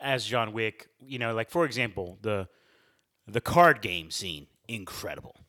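A man's voice: fairly low pitch, expressive, a little slow, sharp tone. A young man hosting a casual podcast chat with friends. He is upbeat and talkative and laughs often. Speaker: podcast host.

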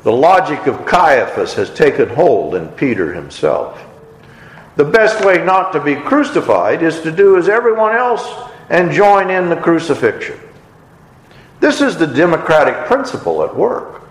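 A man's voice: fairly high pitch, sing-song, measured pace. A man preaching a sermon, retelling a story and briefly acting out the characters' lines with expression. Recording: echoey hall.

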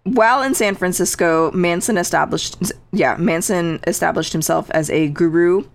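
A woman's voice: on the low side, moderate pace, creaky. A woman co-hosting a podcast, casually telling a true crime story with dry, sarcastic asides and lots of fillers.

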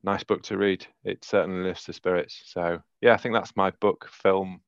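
A man with a Yorkshire accent talks through his favourites of the year in a relaxed, rambling way, full of ums and easy laughs. His voice sits low, and the sound is dry and a little dull, as if through a modest microphone. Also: normal speed, dry recording. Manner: laughing, rambling with many fillers. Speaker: podcast co-host. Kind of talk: casual chat.

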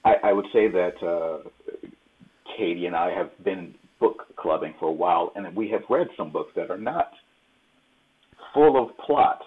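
A man's voice: sits low, normal speed, breathy edge. A man co-hosting a film review podcast, musing casually and searching for his words. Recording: tinny phone-like line.

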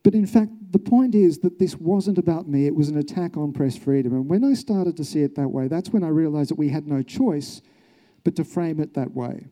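An Australian male journalist gives a public talk recounting his own experiences, earnest and reflective, with rhetorical questions throughout. His dark-toned voice sits on the high side, and he speaks fairly quickly with few pauses.

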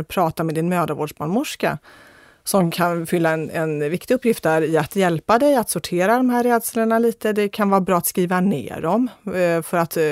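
A woman speaking as a guest expert, giving measured advice with frequent hesitations. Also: on the low side, darkish tone, no echo, clean studio sound. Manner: measured, advisory, with many fillers and restarts. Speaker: guest expert on fear of childbirth. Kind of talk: conversational radio interview.

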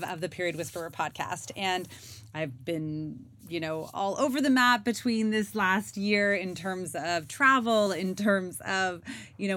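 A woman's voice: medium pitch, a bit bright. A woman in her forties hosting a podcast, chatting casually with lots of fillers while recording inside a closet. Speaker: podcast host. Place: inside a small clothes closet.

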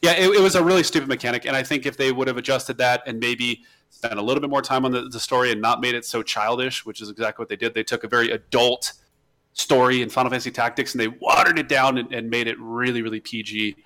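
A man co-hosting a podcast, chatting casually about video games, animated and ranting, often restarting his words. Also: mid-range voice, fast talker. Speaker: podcast co-host.

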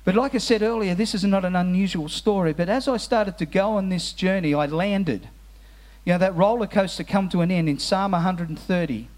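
High-voiced man preaching earnestly. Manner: earnest, repeats words as he restarts phrases; drops to slow, soft tones on solemn phrases. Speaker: pastor. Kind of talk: sermon. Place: church hall with musicians present.

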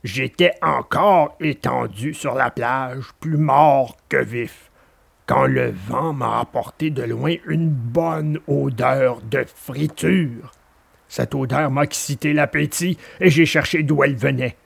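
A man voicing a kind, calm male dog in a storybook reading, speaking slowly and gently. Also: gravelly, husky, no room sound, full character voice. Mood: gentle. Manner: slow, low and gentle.

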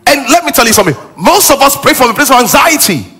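Lebhafter, hoher Prediger mit heiserem Ton. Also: male voice, extremely high pitch, very animated, fast, bright, forceful tone, husky, soft background music. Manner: emphatic preaching, repeats lines, acts out quotes. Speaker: pastor. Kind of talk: sermon.

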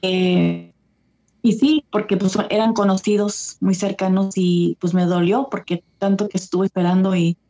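A woman's voice: medium pitch, fairly even intonation, unhurried, warm tone. A woman from the United States with a Chicano accent, chatting casually on a livestream and mixing English words into her Spanish. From United States, born in Texas and raised in California.

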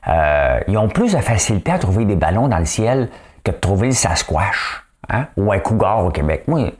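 Fairly low in pitch and sing-song at a normal speed, this Quebec French-accented man runs a casual solo commentary show online. Chatty by nature, he keeps adding jokes on the side and frequently tags his sentences with "hein?"

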